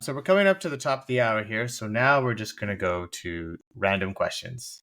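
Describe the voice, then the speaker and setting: A woman hosting a podcast interview, easygoing and quick to laugh. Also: rumbling low, lively intonation, a bit bright. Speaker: podcast host.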